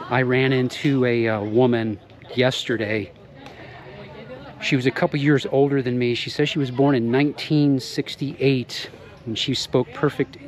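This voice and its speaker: A man, chatting casually outdoors as a travel vlogger and rambling with frequent pauses. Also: mid-range voice. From Ohio, United States. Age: 50s. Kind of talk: casual travel vlog narration. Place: outdoors in a city.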